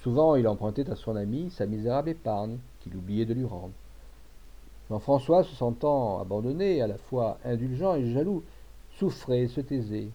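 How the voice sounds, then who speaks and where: A male narrator reads a classic tale in a measured, expressive way. His voice is mellow and warm, and the recording sounds dull and lo-fi. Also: mid-range voice. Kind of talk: audiobook reading of a classic tale.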